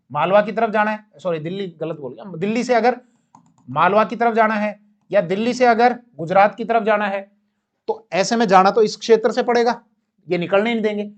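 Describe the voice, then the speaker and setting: Male history teacher with a high voice, explaining with asides and corrections. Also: moderate pace. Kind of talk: classroom history lecture.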